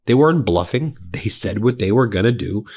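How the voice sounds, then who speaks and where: A man's voice: on the low side, animated, a little fast, darkish tone, husky. A man hosting political commentary, talking in an indignant, combative way straight at his target. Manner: indignant, combative, direct address.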